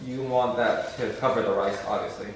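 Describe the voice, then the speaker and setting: A man's voice: medium pitch, fairly even intonation, normal speed. Echoey, distant man giving a jokey cooking demo. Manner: jokey, playful asides with dry self-deprecation. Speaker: home cook hosting a recipe video. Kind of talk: casual, rambling cooking demonstration. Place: indoors at a stove, echoey room. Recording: echoey, distant mic with faint noise.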